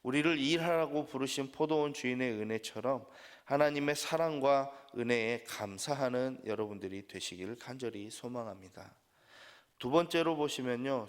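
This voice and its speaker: Earnest male pastor preaching in a reverberant hall. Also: medium pitch. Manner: earnest preaching, rising on key phrases and trailing off softly at sentence ends. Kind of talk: sermon. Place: church sanctuary. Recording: long church hall reverb.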